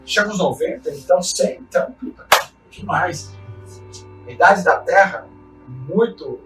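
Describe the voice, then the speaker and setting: With a fairly high, lively voice and an unhurried pace, a man from Chile who works as a mountaineer and expedition guide speaks earnestly and reflectively to motivate his listeners, frequently adding little tag questions. He is picked up from a distance in a roomy space, faint music behind him.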